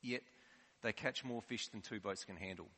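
A man's voice: fairly low pitch, moderate pace, bright, forceful tone, breathy edge. A man preaching a sermon in a conversational, explanatory way. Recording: long hall reverb.

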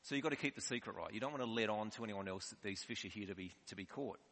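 A man's voice: fairly low pitch, rapid-fire, a bit bright. A man preaching a sermon in a conversational, explanatory way. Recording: long hall reverb.

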